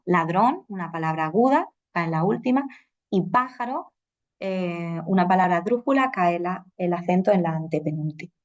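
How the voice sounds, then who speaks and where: Woman lecturing, dull lo-fi sound. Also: lowish voice. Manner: explanatory, frequent "eh" and "¿no?" tags. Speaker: Spanish teacher presenting. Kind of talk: conference talk with slides. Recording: dull lo-fi recording.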